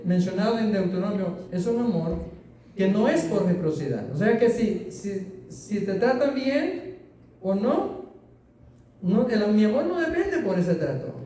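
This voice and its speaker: A man's voice: high-pitched, warm tone, distant mic. A man preaching a sermon to a congregation, speaking conversationally with stories and questions, in a church hall. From Latin America. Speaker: pastor. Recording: very echoey room, voice from off-mic, faint hiss.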